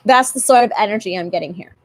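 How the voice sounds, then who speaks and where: A woman's voice: medium pitch, quick pace, no echo. A young woman giving a casual live tarot reading, chatty and often repeating herself. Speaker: tarot reader.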